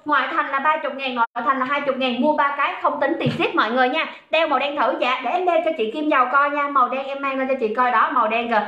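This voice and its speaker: Fast-chatting saleswoman. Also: high voice, bright, forceful tone. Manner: chatty, reads viewers' comments aloud, teasing. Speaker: livestream seller. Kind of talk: livestream sales pitch. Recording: echoey room, dull sound.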